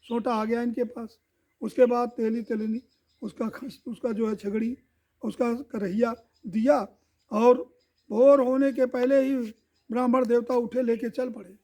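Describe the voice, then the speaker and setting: A man telling a devotional folk tale in a lively oral style, repeating sound words. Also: very high-pitched, measured pace. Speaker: storyteller.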